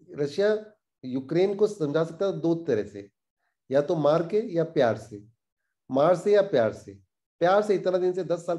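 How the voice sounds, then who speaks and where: A man hosting a casual explainer on current affairs, talking in an animated, indignant way and dropping English phrases into his talk. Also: on the high side.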